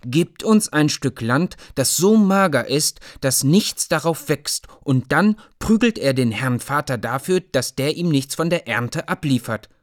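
A man's voice: medium pitch, moderate pace, natural voice. A man voicing a bitter, defiant peasant boy in a storybook reading, speaking with indignant outrage. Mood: outraged. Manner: indignant, raised voice.

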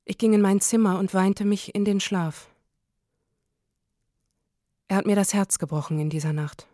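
A woman reading a first-person literary story in a calm, measured way. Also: medium pitch, no room sound, studio quality. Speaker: audiobook narrator.

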